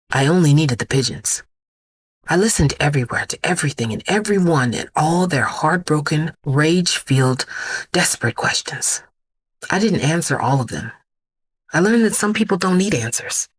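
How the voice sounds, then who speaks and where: In a dry recording with no echo, an actress performs an intense, measured audio drama monologue as an immortal woman vigilante telling her own story. The character comes across as weary, haunted and defiant. The voice is low-pitched with a breathy edge, sinking now and then to a hush.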